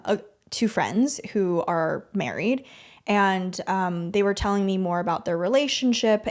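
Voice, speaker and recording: A woman co-hosting a podcast in casual chat, animated and teasing, with many likes and ums. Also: medium pitch. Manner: animated, teasing, fast filler-heavy talk. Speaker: podcast co-host.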